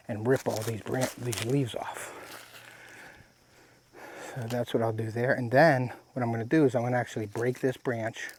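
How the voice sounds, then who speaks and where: A man giving a casual, folksy step-by-step hunting demonstration outdoors while he works, with a tractor rumbling in the background. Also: a little mellow, slight background noise. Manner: folksy, talks while working with his hands. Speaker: hunting how-to presenter. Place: outdoors in the woods. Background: tractor rumbling nearby.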